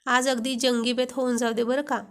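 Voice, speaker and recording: A woman's voice: fairly high pitch, flat delivery, moderate pace, clear, resonant tone, lightly acted. A woman voicing a playful young husband who keeps teasing his wife. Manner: teasing, joking.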